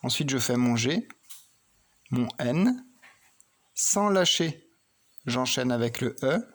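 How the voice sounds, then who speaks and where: In a mid-range voice with lively intonation, a man speaks slowly. During an unhurried phonics and handwriting lesson for children, he patiently guides a child through every pen stroke and spells out words one letter at a time.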